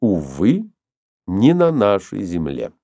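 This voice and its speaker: A man reading a storybook, voicing a cool, sceptical older expert who speaks calmly and drily. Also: on the low side, creaky, dry recording, heavily acted. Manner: calm, dry, measured.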